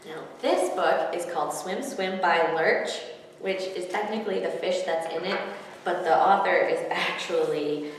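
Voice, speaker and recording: She's a library storyteller in her thirties, reading and presenting picture books to children in a lowish, unhurried voice. Background noise and hall echo come through on the distant microphone.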